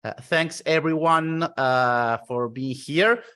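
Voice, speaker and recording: A man hosting an online interview, enthusiastic and halting, with many fillers. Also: a little high, bright, forceful tone, clean tone. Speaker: interview host.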